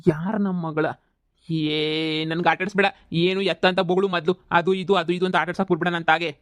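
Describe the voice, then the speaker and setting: Guy doing a hot-tempered landlord, yelling threats, dry close sound. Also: high-pitched, little pitch movement, moderate pace, clean tone, no room sound. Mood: angry, threatening. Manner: shouting insults and threats. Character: angry middle-aged village landlord husband, bullying and foul-mouthed. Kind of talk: comedy cartoon voice acting.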